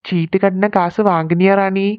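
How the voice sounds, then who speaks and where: A woman voicing a practical middle-aged husband in a cartoon, asking steady, matter-of-fact questions. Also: mid-range voice, moderate pace, smooth, no echo, close to an everyday voice. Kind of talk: Tamil cartoon dubbing. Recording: slightly dull lo-fi sound.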